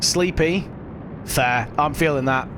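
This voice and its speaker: Taking it slowly in a fairly high-pitched voice, a British man from the United Kingdom talks to his chat while streaming a game, rambling and self-deprecating as he fights off a lingering cough. Background noise is audible.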